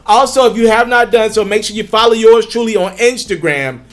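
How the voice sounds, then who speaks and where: A man's voice: high voice, a little fast, soft background music. A man giving blunt, slangy hip hop commentary in a casual conversational way, sounding out of breath. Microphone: earbuds.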